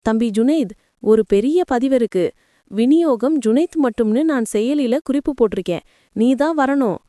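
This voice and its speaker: A gentle, quiet older housemaid with a stern edge that keeps giving way to tenderness, as a woman narrator puts her on. She speaks softly and clearly, slow and pleading, in a dark, smooth tone. A storybook reading voice. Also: on the high side, animated, dry recording, clean studio sound, natural voice. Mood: warm.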